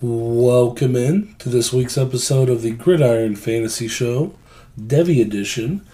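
A man hosting a casual sports podcast, with a raspy voice that sounds under the weather. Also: mid-range voice, moderate pace, warm tone. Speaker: podcast host.

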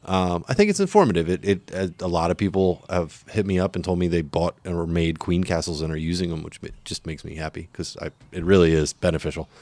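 A man with a low voice hosts a podcast out in an open natural area. His talk is laid-back and slangy, and the sound is dry, with no room echo. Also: a little fast, few pauses, a little mellow. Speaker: podcast host. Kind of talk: casual podcast chat.

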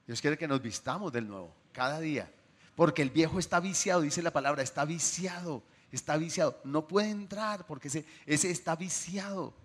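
Guy preaching, voice sits a bit high, keeps asking the church questions, goes loud then soft. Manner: asks the congregation questions; swings between loud bursts and soft, drawn-out phrases. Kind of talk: sermon.

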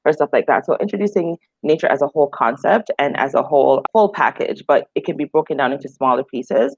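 This Jamaican woman, a guest who founded an outdoor group, talks animatedly and quickly in her casual interview, using plenty of fillers. Her deep voice is darkish and slightly rough, and there's no room sound on the dry, somewhat dull remote audio.

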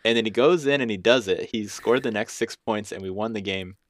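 Low-voiced rambling man on a podcast. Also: fairly quick, no echo. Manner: rambling, self-deprecating, many restarts and fillers. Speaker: podcast co-host and youth basketball coach. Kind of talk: casual podcast chat.

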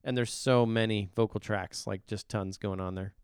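A man's voice: lowish voice, fairly even intonation, normal speed, clear, resonant tone, no room sound, clean studio sound. A middle-aged man co-hosting a podcast, giving blunt, opinionated song reviews in casual chat. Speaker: podcast co-host reviewing songs.

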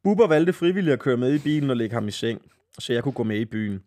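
Casual Danish male podcast host. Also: mid-range voice. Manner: lively, laughing, swearing casually, stumbles while reading. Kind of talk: casual podcast chat, reading listener stories aloud.

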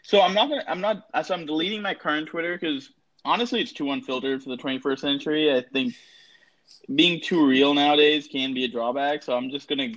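A young man in his twenties telling a funny story in a relaxed, animated way on a podcast. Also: a little high, a little fast, dull audio. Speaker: podcast co-host. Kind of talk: casual storytelling.

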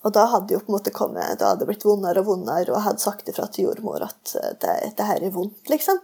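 Lady guest rambling through a story, lots of fillers, mellow husky voice. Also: medium pitch, sing-song. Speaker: guest sharing her birth story. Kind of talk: casual chat.

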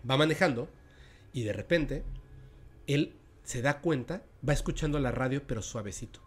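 A man's voice: medium pitch, animated, moderate pace, husky. Mexican man telling a spooky story. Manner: dramatic, drops to a hushed voice at tense moments. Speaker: podcast host and storyteller.

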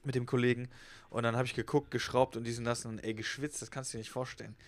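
A man's voice: medium pitch, flat delivery, fast. A young man telling a story in casual, slangy podcast chat, as a co-host.

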